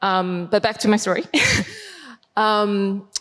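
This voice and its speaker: A woman's voice: medium pitch, level tone, slow. A woman in her forties from Singapore telling her story on a panel, candid and self-deprecating. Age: 40s.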